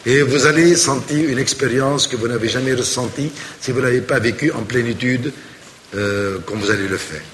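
A man, a priest, preaching a sermon with animated storytelling. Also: mid-range voice, normal speed, roomy sound, in a large hall, slight background noise.

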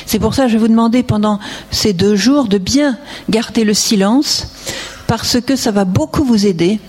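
Husky-voiced nun giving a retreat talk. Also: female voice, mid-range voice, a little mellow. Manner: earnest, with frequent "hein" and "euh" fillers. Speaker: nun leading a spiritual retreat. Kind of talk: retreat talk and gospel reading.

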